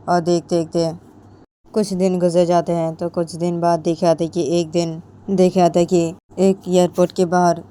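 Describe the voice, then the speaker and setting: A woman's voice: lowish voice, mellow, clean tone. A woman hosting her own channel, casually narrating a love story in a rambling way, with frequent repeated linking words.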